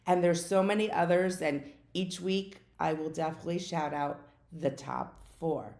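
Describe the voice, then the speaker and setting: A woman's voice: fairly low pitch, fairly even intonation, normal speed, gravelly, darkish tone. An American woman hosting her own podcast, chatting casually and now and then getting tongue-tied and correcting herself. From United States. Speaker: podcast host. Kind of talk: casual solo podcast talk. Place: home in Florida. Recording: echoey room.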